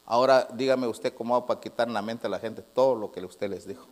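A man, preaching a sermon as pastor, moving from loud proclaiming to low, quiet storytelling and acting out both sides of a conversation. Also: quick pace, noisy background. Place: church sanctuary.

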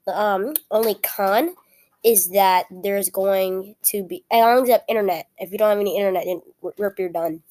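A young woman hosts a casual solo podcast with a weak voice, sounding under the weather. She speaks haltingly, often correcting herself and apologizing. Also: medium pitch, steady tone, warm tone. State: sick. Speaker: student podcast host. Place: at home.

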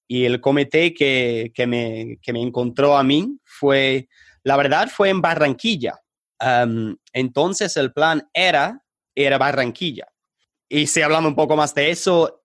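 Man telling stories in halting Spanish. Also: mid-range voice, dry recording, clean studio sound. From England. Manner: hesitant, halting, animated anecdote telling. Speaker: podcast guest. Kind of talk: casual storytelling in an interview.

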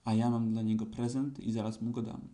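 Earnest kind young boy, storybook figure, dark mellow tone, read by a man. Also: on the low side, flat delivery, a little fast, close to an everyday voice.

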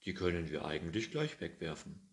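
A man's voice: low-pitched, very animated, a little fast. Pettersson, a grumbling old farmer, as a man reads him. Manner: grumbling and scolding.

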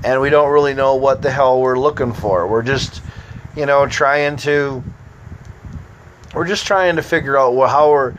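An American man hosts his own podcast in a casual rambling monologue, loose and easygoing, with lots of fillers and restarts. His voice is medium-pitched and fairly bright, and he doesn't hurry. A little hiss or hum sits under the recording.

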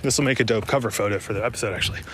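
A man's voice: on the low side, very fast, noisy background. Breathless young man ranting while running. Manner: profane, rambling, provocative. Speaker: vlogger. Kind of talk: running vlog monologue. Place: outdoors, running along a riverside.

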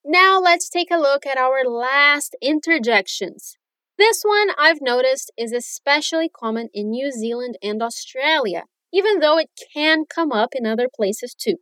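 High-voiced upbeat woman teacher. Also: expressive, takes it slowly, fairly bright tone, no echo, studio quality. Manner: clear, upbeat teacher modeling phrases for repetition. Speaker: English teacher, podcast host. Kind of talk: bilingual language lesson podcast. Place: lives in New Zealand.

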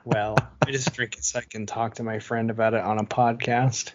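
A man's voice: lowish voice, level tone, fairly quick, dull audio. A man co-hosting a podcast in casual chat, talking loosely with many fillers and frequent laughs. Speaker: podcast co-host.

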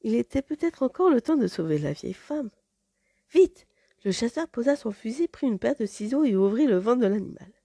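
A woman narrating a fairy tale in an expressive, dramatic read-aloud manner. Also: a little high, normal speed, slightly rough, no echo. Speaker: storyteller.

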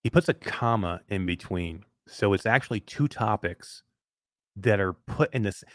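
A man co-hosting a casual chat show, talking in animated rants and often breaking off mid-sentence. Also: fairly low pitch, moderate pace, no room sound, studio quality. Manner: animated, ranting, self-interrupting. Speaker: podcast co-host.

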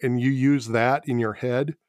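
A man's voice: medium pitch, steady tone, a little slow, darkish tone, no echo. A man talks easily as a guest on a podcast, laughing at his own speech habits. His voice sits in a middle register. It is recorded close and dry, with no room sound. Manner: chuckles often, mocks his own verbal habits. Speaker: guest author. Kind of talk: casual podcast chat.

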